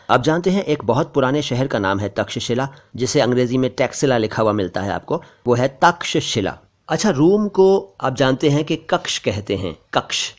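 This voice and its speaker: A middle-aged man giving a pronunciation lesson, saying each word slowly and carefully and repeating it to correct common mistakes. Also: medium pitch. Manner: slow, careful, repeats words to correct them. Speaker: language teacher.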